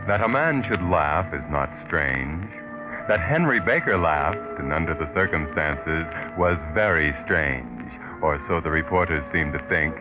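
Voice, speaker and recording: The Whistler, a very deep, ominous narrator. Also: male voice, animated. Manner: ominous, deliberate, theatrical. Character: sinister, all-knowing male mystery narrator of the night. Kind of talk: 1940s radio mystery narration. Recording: dull vintage 1940s radio recording. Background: music.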